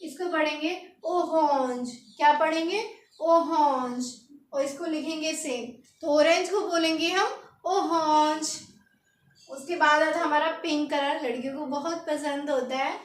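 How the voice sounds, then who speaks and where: A woman's voice: sits high, steady tone, normal speed. A woman teaching beginners, spelling words letter by letter and asking learners to repeat after her. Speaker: French teacher. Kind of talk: lesson for beginners. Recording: echoey room.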